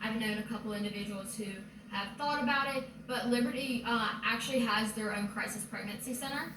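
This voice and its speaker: A woman's voice: a little high, a little fast, fairly bright tone, slight background noise. Brief: female student, 20, composed, slightly distant and echoey. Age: 20s. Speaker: university student. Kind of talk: news interview statement. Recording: roomy sound from off mic.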